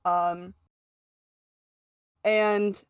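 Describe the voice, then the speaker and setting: A woman's voice: mid-range voice, little pitch movement, extremely slow, clear, resonant tone, no echo. A woman co-hosting a podcast in casual chat, chatty with many fillers and frequent laughs. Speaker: podcast co-host.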